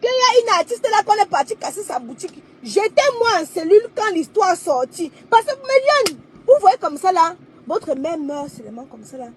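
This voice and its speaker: Woman on a live stream, super high voice, loud and declaiming, goes soft then loud. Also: expressive, a little fast, few pauses, slight background noise. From Cameroon. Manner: emphatic and declaiming, with sudden swings in loudness. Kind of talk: livestream monologue.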